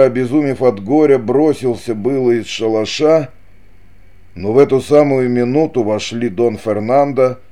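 A man narrating an adventure novel as an audiobook, in a measured storytelling manner. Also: medium pitch, mellow.

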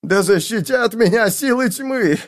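Man doing a cultist agitator, high squeaky voice, panicked, whimpering, pleading. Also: very animated, normal speed. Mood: terrified, pleading.

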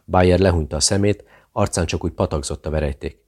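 A man narrates a thriller audiobook in a steady, measured way. His voice sits very low. The reading is even and controlled. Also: breathy edge.

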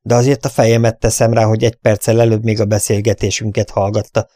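A man's voice: lowish voice, level tone, dark tone, no room sound, clean studio sound, natural voice. A man voicing a determined young frontier rider in an audiobook, speaking urgently and resolutely. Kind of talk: audiobook character voice.

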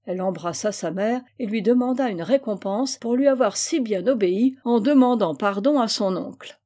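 Mellow-voiced woman reading a storybook aloud. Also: mid-range voice, normal speed. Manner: expressive, lively storytelling. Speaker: reader. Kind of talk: reading a children's novel aloud.

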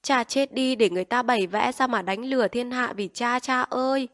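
A woman reading aloud voices a grieving village daughter who wails a loud, high lament for her dead father. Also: moderate pace, lightly acted. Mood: wailing lament. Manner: high, loud keening wail.

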